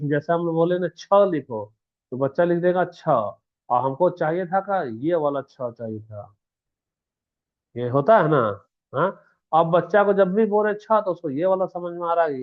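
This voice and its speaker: Tinny-sounding male teacher, question-and-answer lecturing. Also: fairly high pitch. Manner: asks questions and answers them himself. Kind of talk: exam-prep lecture.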